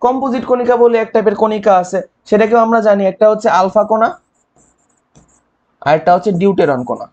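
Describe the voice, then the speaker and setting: High-voiced young tutor quizzing students. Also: male voice, brisk, darkish tone, highs cut off. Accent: Bangladeshi Bengali. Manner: quizzing with rhetorical questions and mnemonics; frequent "ঠিক আছে?" check-ins. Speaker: chemistry tutor. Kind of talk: online exam-prep lecture.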